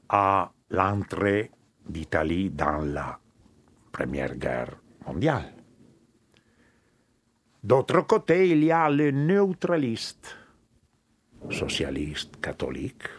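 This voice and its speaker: Italian-accented historian guy, lowish voice, halting and emphatic, talks slow. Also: fairly bright tone. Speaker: historian interviewee. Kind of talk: interview explanation.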